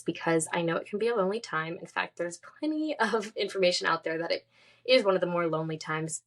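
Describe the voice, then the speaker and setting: A young woman in her twenties from California, hosting a casual solo podcast, chatty and upbeat with a few laughs. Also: on the low side. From San Diego, California. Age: 20s. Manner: chatty and upbeat, laughs often, says "like" and "literally". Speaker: podcast host.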